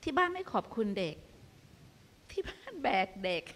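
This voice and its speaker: A woman's voice: high voice, moderate pace, a little hiss or hum. An older woman hosting a live show, giving a dharma talk to parents and asking rhetorical questions. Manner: animated, asks rhetorical questions. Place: stage of a live broadcast.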